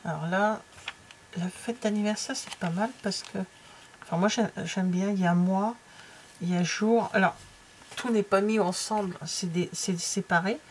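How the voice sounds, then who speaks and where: A woman's voice: medium pitch, steady tone, normal speed, slight background noise. A middle-aged French woman chatting casually as she flips through a craft catalogue, full of fillers and trailing asides. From France. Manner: chatty and hesitant, many fillers and trailing asides, drops to near-whispers. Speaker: craft vlogger flipping through a stamping catalogue. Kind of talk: casual chat.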